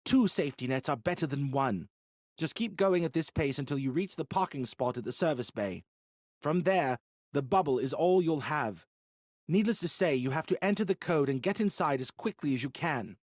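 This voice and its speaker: A man's voice: a little high, animated, normal speed, no echo, studio quality, voice pushed up. A man voicing an irritated male rover operator in an audiobook, talking tense and urgent. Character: adult man, gruff remote rover operator.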